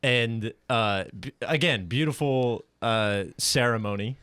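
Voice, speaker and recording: A man's voice: mid-range voice, slow pace, a bit bright, clean tone, no echo. Dry-sounding young man, teasing podcast host. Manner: teasing, laughing storyteller with many restarts. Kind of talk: casual chat. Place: podcast studio.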